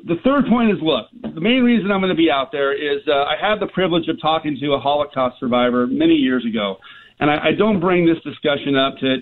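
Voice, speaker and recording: A middle-aged man calling in to a radio show, earnestly laying out his points one by one with plenty of "you know" fillers. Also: a little high. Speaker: guest, small business owner. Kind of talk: phone-in radio interview. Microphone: telephone. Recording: tinny phone line.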